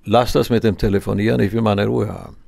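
A man's voice: fairly low pitch, fairly even intonation, fast, gravelly, darkish tone, no echo. A man doing a worn-out, grumpy bar owner. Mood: fed up. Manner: exasperated, scolding.

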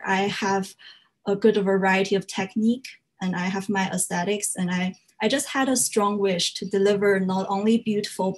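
Young woman, from China, English as a second language, earnest, frequent fillers, slide talk over a video call. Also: medium pitch. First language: Chinese. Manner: earnest, frequent "uh" fillers, slightly non-native grammar. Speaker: fiber artist giving a library talk.

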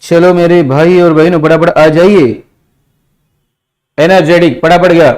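A male teacher with a Marathi accent gives an exam-prep vocabulary lecture, repeatedly drilling word meanings and quizzing his class. His voice is on the high side and darkish, with a steady tone and a slightly slow delivery.

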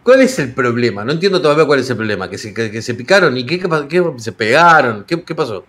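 A man's voice: medium pitch, very animated, fast, fairly bright tone. A man with a Rioplatense Spanish accent, impatient and mocking, who keeps cutting in during casual stream banter. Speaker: co-host interrupting.

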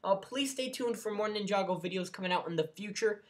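A man's voice: high voice, fairly quick. A man hosting his own fan video channel, talking casually and rambling with lots of fillers and restarts. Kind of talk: casual fan vlog talk.

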